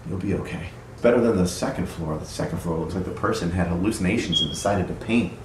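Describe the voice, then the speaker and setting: A man's voice: low voice, fast talker, background noise. A man giving a casual, sarcastic and profane walkthrough of a run-down house he is renovating. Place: empty house interior. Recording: echoey bare rooms, mic at a distance.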